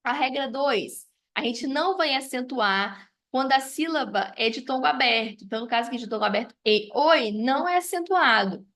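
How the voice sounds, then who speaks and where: Woman teacher, slightly high pitch, methodical listing of examples. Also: animated, moderate pace, fairly bright tone. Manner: explanatory, lists examples, frequent "né?" and "tá?". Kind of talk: grammar review lesson.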